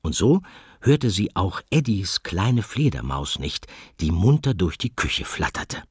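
Husky, lively-voiced male storyteller. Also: deep voice, a little slow, dry recording, studio quality. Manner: expressive storytelling. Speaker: narrator. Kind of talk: children's audiobook narration.

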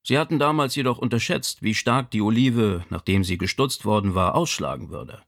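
A man reading a novel aloud as narrator, measured and expressive. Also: medium pitch. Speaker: audiobook narrator. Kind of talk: scripted narration.

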